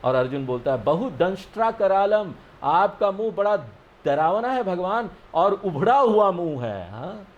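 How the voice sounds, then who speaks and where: Man teaching scripture, fairly high voice. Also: sing-song, unhurried, highs cut off. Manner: explains verses, often asks "हाँ?" to check listeners. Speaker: spiritual teacher. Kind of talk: scripture lesson with chanting.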